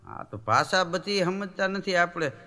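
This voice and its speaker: A man's voice: high-pitched, expressive, measured pace, sharp tone. A man, a folk comedian telling jokes on stage and acting out voices and animal sounds. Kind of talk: live stage joke-telling. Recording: reverberant hall recording.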